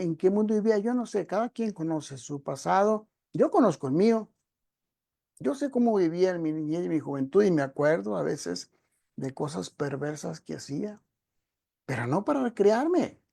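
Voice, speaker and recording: A man preaching a teaching sermon into a computer microphone while sharing his screen. His voice is gravelly and mellow. He explains the text patiently and keeps turning to his listeners as brothers and sisters. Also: high-pitched.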